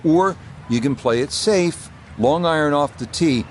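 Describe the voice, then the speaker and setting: A man calling golf as a play-by-play commentator, in a measured, conversational broadcast style. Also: a little high, slight background noise, lightly acted.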